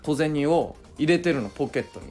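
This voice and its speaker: A man's voice: fairly high pitch, lively intonation, brisk, darkish tone, faint music behind. A young man hosting a casual podcast chat with friends, teasing and boasting playfully. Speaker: podcast host.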